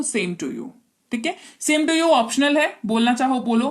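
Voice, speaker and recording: A woman with an Indian accent and Hindi as her first language, teaching spoken English in a slow, deliberate classroom style and often checking that listeners follow. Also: a little high. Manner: acts out dialogue lines slowly. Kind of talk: bilingual classroom lesson, explaining slowly.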